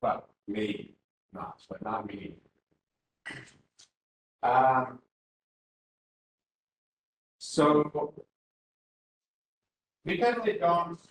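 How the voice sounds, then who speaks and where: A Finnish man gives an academic workshop talk at a conference in a university seminar room, speaking hesitantly with lots of fillers and restarts. His voice is mid-range, the background is noisy, and the roomy hall adds a faint ambience.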